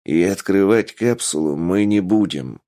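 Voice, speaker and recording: Guy voicing a gruff low commander, short firm answers, audiobook. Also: a little slow, warm tone. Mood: stern. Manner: curt, firm, clipped replies. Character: stern male squad commander, curt and secretive. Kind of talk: audiobook character voice.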